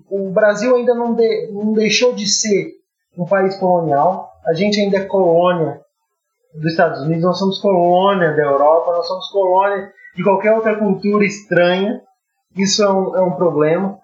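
A Brazilian man with a Brazilian Portuguese accent, talking in a halting, ironic way with many restarts on a casual podcast. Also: high voice, fairly even intonation. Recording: roomy, slightly dull audio with faint music.

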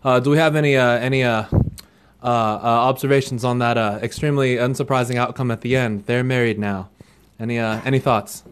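A man's voice: mid-range voice, fairly even intonation, brisk, slight background noise. A man hosting a casual wedding podcast outdoors at a reception, teasing guests and using lots of filler words. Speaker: host of an amateur wedding podcast. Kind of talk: casual chat, interviewing guests. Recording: music playing behind the voice.

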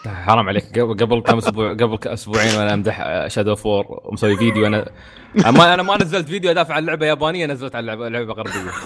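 A man with an Emirati Arabic accent, chatting on a gaming podcast, ranting in an animated way with frequent restarts. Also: lowish voice, racing, slight background noise. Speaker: podcast co-host. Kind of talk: casual gaming podcast chat.

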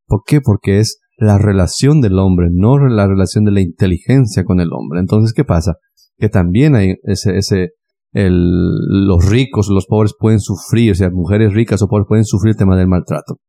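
A man's voice: deep voice, moderate pace, mellow. A man in a casual discussion who affirms his partner's points and builds on them.

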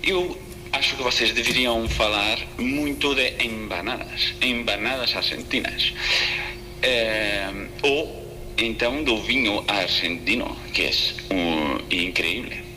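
Radio caller: man, Spanish accent, chatty, lowish pitch, echoey hum-laden line. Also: takes it slowly, sharp tone. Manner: chatty, mixing Spanish and Portuguese.

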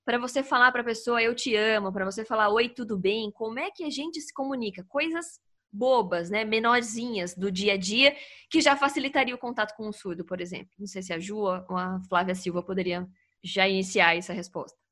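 A woman's voice: medium pitch, brisk, sharp tone. A woman hosting a casual chat, talking in an enthusiastic, chatty way and asking her guests questions. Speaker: host.

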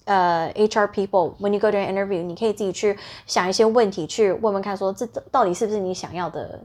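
A woman's voice: medium pitch, fast talker, darkish tone. A woman chatting casually as a podcast co-host, switching often between Mandarin and English. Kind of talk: casual chat.

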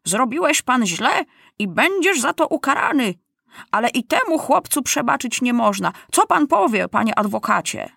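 Brief: woman playing a stern old general judge, raised pitch, storybook, dry. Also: sing-song, moderate pace, creaky, fairly bright tone, breathy edge, dry recording, heavily acted. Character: old grey-haired male judge general.

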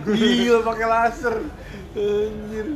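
A man's voice: high-pitched, monotone, slow pace, reverberant, a loud crowd. A man, a podcast co-host who teases and eggs the storyteller on. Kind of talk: casual chat.

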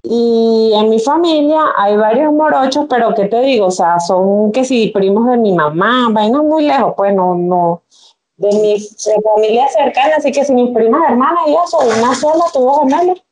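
Animated young Venezuelan woman telling a story. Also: on the high side, normal speed, poor audio. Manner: animated, acts out quoted voices. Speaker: guest. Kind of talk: casual storytelling.

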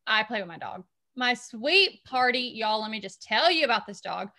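A woman's voice: fairly high pitch, expressive, pushed and bright. A young woman from Alabama with a Southern accent, a bubbly and playful guest chatting on a podcast. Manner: bubbly, playful, quick to laugh. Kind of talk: casual interview chat.

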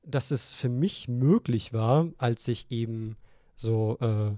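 Lockerer junger Mann, angetrunken erzählend. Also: male voice, mid-range voice, slow pace, warm tone, no echo, studio quality. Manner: rambling, tipsy storytelling with frequent restarts. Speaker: podcast co-host. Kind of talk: casual chat.

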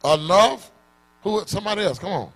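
A man preaching a sermon, questioning his congregation in call-and-response and bursting into shouts. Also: high voice, animated, a little fast.

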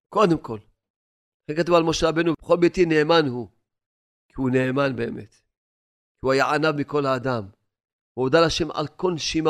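Male preacher, sermon storyteller, slightly high voice, loud-soft swings. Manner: storytelling, swinging between loud exhortation and hushed asides.

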